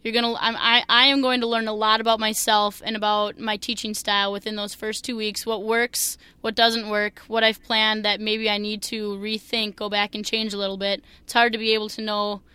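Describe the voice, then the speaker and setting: Energetic young Minnesotan woman, bright voice. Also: mid-range voice, normal speed, few pauses, smooth, dry recording. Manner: energetic and earnest. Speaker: new teacher, interview guest. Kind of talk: interview answers.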